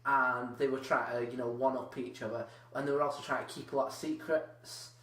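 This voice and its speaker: A young man hosts a casual comedy podcast, rambling and hedging with plenty of "like"s in a brisk, steady, medium-pitched voice with a fairly bright tone. The recording has a roomy echo and a faint hum.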